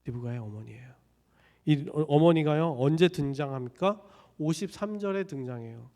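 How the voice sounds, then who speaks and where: Man, pastor, animated sermon, acts out lines, slightly high voice, echoing hall. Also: moderate pace. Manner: animated storytelling, acting out characters' lines. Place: church sanctuary.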